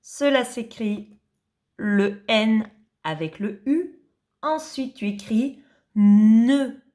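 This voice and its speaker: A woman teaching young children to read in French, spelling out syllables slowly and distinctly, patient and repeating each sound. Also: a little high, mellow. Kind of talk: slow reading lesson for young children.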